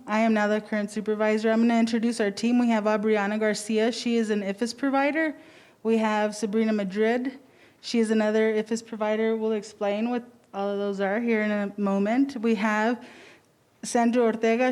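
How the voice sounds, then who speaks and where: A woman opens a presentation in a casual, informal style. Her voice sits a bit high, and she comes across as a playful team supervisor doing introductions. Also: darkish tone.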